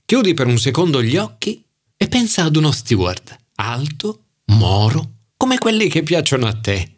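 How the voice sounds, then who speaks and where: A man's voice: on the high side, pitched above the performer's own voice. A man voicing an earnest, practical young woman who pleads and reassures her friend, in an audiobook.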